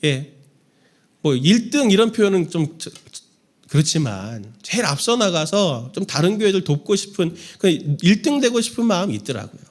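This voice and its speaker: A man's voice: sits high, big pitch swings, normal speed. A male pastor giving a candid, self-deprecating Sunday sermon to his congregation. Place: church sanctuary.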